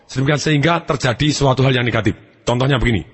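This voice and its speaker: A man's voice: mid-range voice, very fast, slightly rough, big-room sound. A man giving a motivational seminar lecture, speaking animatedly and acting out examples.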